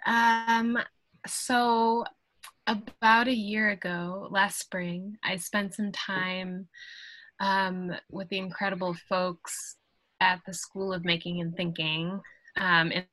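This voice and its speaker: A woman playwright in a casual interview, speaking thoughtfully with many pauses and fillers. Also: lowish voice, sharp tone, no echo, rough recording. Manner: thoughtful, halting, with frequent fillers and laughs. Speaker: guest artist, playwright.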